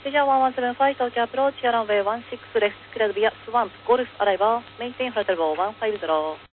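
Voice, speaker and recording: A woman air traffic controller, giving fast, clipped routine instructions over a crackly aviation radio. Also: fairly high pitch. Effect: crackly aviation radio transmission. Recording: tinny radio band with hiss.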